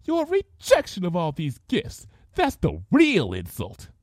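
A woman's voice: fairly low pitch, huge pitch swings, a little slow, a little mellow, no echo, clean studio sound, pitched above the performer's own voice, full character voice. A woman voicing a cruel, vain female unicorn pony with an affected posh drawl. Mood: cold, haughty.

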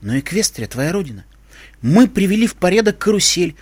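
A man's voice: high-pitched, very animated, fairly quick, husky, no room sound, clean studio sound, exaggerated voice. Man reading an earnest young unicorn mare. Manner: warm, earnest. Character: earnest young female unicorn, warm and determined.

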